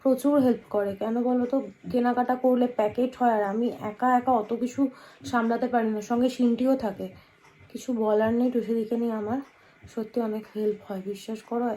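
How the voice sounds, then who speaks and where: A woman's voice: on the high side, steady tone, brisk, rough recording. A woman chatting to viewers in a home vlog, showing things around her house. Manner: talking softly at night. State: tired and sleepy. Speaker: vlogger. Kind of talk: casual home vlog chat.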